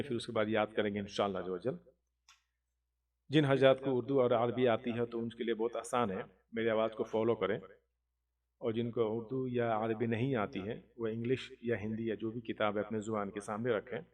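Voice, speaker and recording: A man teaching recitation. He draws out the Arabic words slowly between quick explanations. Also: on the low side, fairly even intonation. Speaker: religious teacher. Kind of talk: recitation lesson. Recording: distant, muffled recording.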